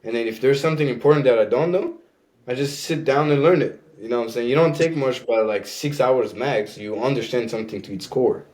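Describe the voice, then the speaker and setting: This young adult podcast guest from Rwanda, a French speaker whose first language is Rwandan, has a mid-range, darkish voice and talks a little fast. The conversation is casual and easygoing, full of "you know what I'm saying."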